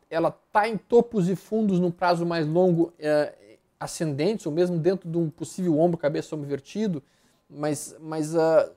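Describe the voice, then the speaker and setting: Here a man's fairly high, slightly mellow voice carries a Brazilian Portuguese accent. Flipping through charts during live market commentary, he talks bluntly in slang and fires off repeated words.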